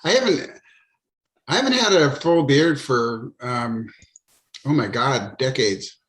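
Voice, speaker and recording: A man's voice: medium pitch, animated, takes it slowly, a bit bright. A man in a club video meeting, joking dryly and teasing the host. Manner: dry teasing humor. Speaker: club member on a video call. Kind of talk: casual chat.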